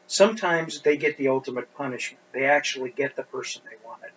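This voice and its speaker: A middle-aged man preaching an expository sermon as a pastor, speaking deliberately and pushing up his voice on stressed points. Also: medium pitch, a bit bright. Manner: deliberate, with emphatic rising stresses. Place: church sanctuary. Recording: dull lo-fi recording with faint hum.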